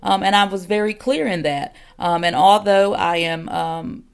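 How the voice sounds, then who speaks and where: A woman's voice: medium pitch, measured pace, smooth. A woman in her forties, an elder of a ministry, giving a podcast teaching in an earnest, direct way, with many "um"s and repeated questions. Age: 40s.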